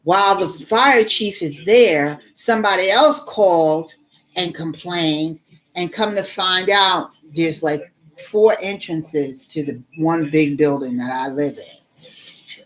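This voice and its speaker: A middle-aged woman in casual storytelling mode, animated and fed up as she recounts what happened. Her voice sits a little low for a woman, and she keeps turning to the listener as "girl". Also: slow pace. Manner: animated, exasperated, addresses viewer as "girl". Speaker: vlogger.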